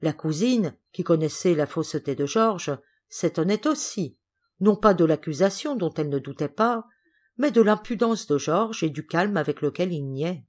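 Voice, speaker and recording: Woman audiobook narrator, measured storybook reading, lower pitch. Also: expressive, a little mellow. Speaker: audiobook reader.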